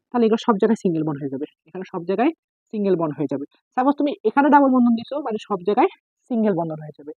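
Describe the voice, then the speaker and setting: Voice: medium pitch, dry recording. A chemistry tutor gives a casual exam-prep lecture, asking questions and answering them, repeating each point. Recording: tinny phone-like dry recording.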